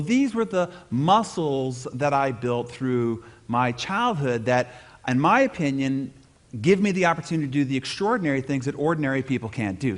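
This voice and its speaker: A middle-aged man speaking as a motivational speaker at a live seminar, telling stories in an animated, punchy way with self-deprecating humor. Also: medium pitch. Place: stage before a live audience.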